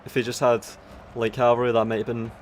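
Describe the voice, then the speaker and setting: A man with an Aberdonian Scottish (Doric) accent commentates live on a strategy game at an esports tournament, his delivery completely flat and medium in pitch. He's casual and sweary, thinking aloud in fits and starts, with strategy game battle ambience behind him.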